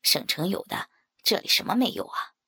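A woman's voice: medium pitch, sing-song, moderate pace, bright, forceful tone, breathy edge, voice pushed down, heavily acted. A woman voicing a jovial middle-aged man who fawns and coaxes with a chuckle. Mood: coaxing. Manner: chuckling, coaxing, eager to please.

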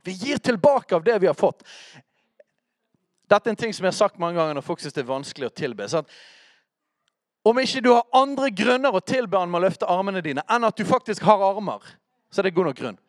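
A man preaching a teaching sermon in a conversational way, speaking straight to his listeners and checking in with quick questions. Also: high-pitched, very animated, no echo, clean studio sound.

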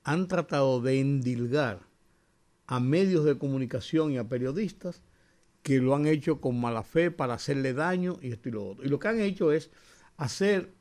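Male news panelist, medium-pitched, deliberate, restates phrases for emphasis. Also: animated, a little mellow.

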